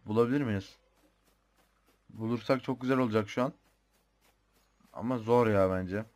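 A young man with a Turkish accent giving casual commentary on his own gameplay, chatty and thinking aloud, muttering the odd mild swear. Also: lowish voice. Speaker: gamer.

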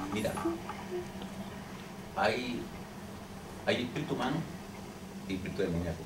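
A man with a fairly low voice gives an informal deliverance teaching to a small group. He repeats phrases and keeps checking that listeners follow. The mic sits far off in an echoey room with steady background noise. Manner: repetitive, checks in with "ok?" and "understand?". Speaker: deliverance minister.

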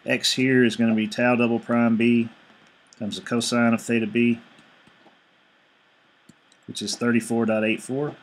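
A man recording a screencast lecture on a desktop mic, talking through calculations one step at a time. His voice sits at an ordinary middle pitch, and he reads figures aloud in a steady, matter-of-fact way. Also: a little slow, long pauses. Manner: steady step-by-step explaining, reading out numbers. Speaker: engineering instructor.

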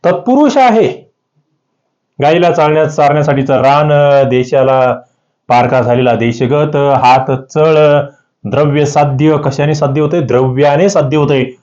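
A man with a Marathi accent teaching an exam-prep lesson, rising sharply in pitch on the key answers. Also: measured pace, a little mellow. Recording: slightly dull lo-fi audio.

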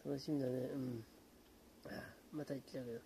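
A man keeps his voice hushed while he chats late at night from a small apartment room. His tone is mellow and unhurried, and he drifts easily from greeting viewers to relaxed chatter. A faint hiss sits under the voice. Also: gravelly. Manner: hushed, low-volume talk; relaxed, rambling, fond of fillers like うん. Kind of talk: casual late-night chat.

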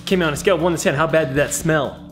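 A young man vlogs casually into a handheld camera held at arm's length in his apartment, playful and goofy. His voice is a little high and he talks at a racing pace, with faint music in the background.

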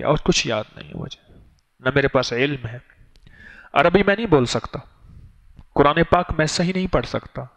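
A man giving a sermon, with storytelling passages and slow, chanted litanies. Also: on the high side. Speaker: religious teacher.

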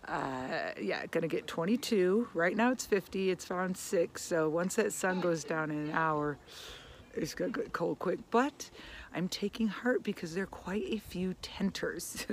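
Slow-talking woman vlogging from camp. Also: lowish voice, expressive, a little hiss or hum. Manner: chatty, laughs often. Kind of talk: casual travel vlog. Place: camp van and forest campsite. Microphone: phone at arm's length.

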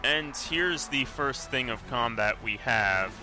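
A man's voice: mid-range voice, lively intonation, slow pace, over music. A man casually commenting on his own gameplay, rambling and correcting himself as he goes. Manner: rambling, self-correcting, offhand. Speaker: let's play commentator.

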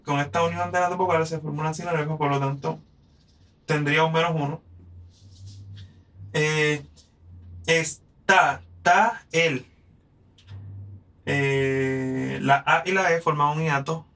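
A man's voice: on the high side, steady tone, a little slow, pauses often, fairly bright tone. A man from Puerto Rico with a Puerto Rican accent, teaching a poetry lesson, patiently explaining and counting syllables aloud. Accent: Puerto Rican Spanish.

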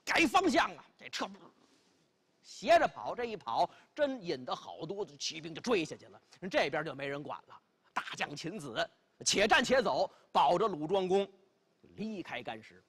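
Middle-aged man, traditional storyteller, theatrical, exclamatory, high-pitched, husky. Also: sing-song, moderate pace, fairly bright tone. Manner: emphatic, dramatic, exclamatory. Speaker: pingshu storyteller. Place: television studio stage.

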